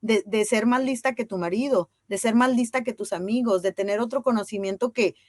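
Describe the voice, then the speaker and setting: A woman speaks as a guest in a casual interview. Her voice sits fairly high and sounds dry and close. She talks earnestly and with emphasis, often asking rhetorical questions. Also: a little fast, a little mellow, no room sound. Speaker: guest on women's ceremonial circles.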